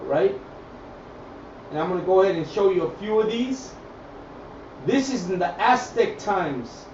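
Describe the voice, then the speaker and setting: Teaching scripture and history off the cuff to a religious group, this man has a high voice with a darkish tone, lively intonation, and a measured pace. He speaks emphatically, repeats phrases, and checks in with his listeners. The recording is echoey, dull, distant, and faintly noisy.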